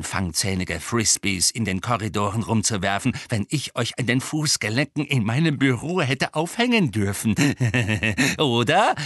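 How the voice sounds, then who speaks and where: A man's voice: fairly low pitch, a bit bright, breathy edge, no echo, clean studio sound, heavily acted. A man voicing a spiteful, gloating old male school caretaker in an audiobook. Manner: gloating, cackling, menacing.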